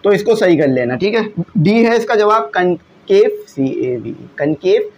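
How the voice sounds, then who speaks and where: Male teacher, high register, patient classroom explainer. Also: very animated, a little slow, a little mellow, highs cut off. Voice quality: glasses wearer. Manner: explains patiently, often checks in with "theek hai". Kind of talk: classroom lesson solving exam questions.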